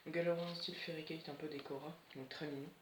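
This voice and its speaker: A teenager chatting excitedly and rambling while unboxing, swearing often, filmed on a phone at home. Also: medium pitch, fast talker, noisy background. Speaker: doll collector vlogger. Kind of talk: casual unboxing chat. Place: at home, indoors. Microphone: phone camera. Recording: echoey room with loud plastic rustling. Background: crinkling bubble wrap and plastic.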